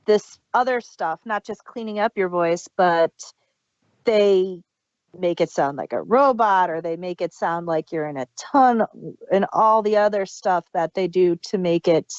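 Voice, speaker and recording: A woman with a fairly low-pitched voice hosts a casual audio drama review, speaking unhurriedly and explaining things in detail like an enthusiastic fan in a casual group discussion. There's no room sound, and the highs are cut off.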